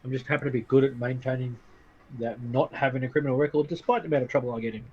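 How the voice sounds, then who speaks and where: A man's voice: mid-range voice, fairly even intonation, racing, darkish tone, lo-fi sound, a little hiss or hum. A man playing his character in a tabletop game, rambling and poking fun at himself. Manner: rambling, self-mocking. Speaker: player. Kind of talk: in-character tabletop role-play.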